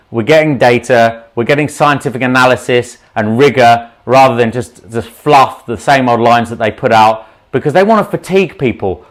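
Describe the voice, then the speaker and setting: A doctor speaks directly to his livestream viewers, unscripted, with a slightly sore throat and a sniffle. His voice is at a typical middle pitch for a man. He is outspoken and impassioned, frequently wandering off into asides.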